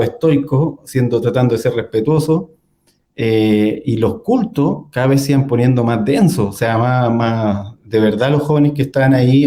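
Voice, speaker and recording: A man's voice: medium pitch, mellow. A young man, telling a personal story in casual conversation, with many fillers and small laughs. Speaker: guest.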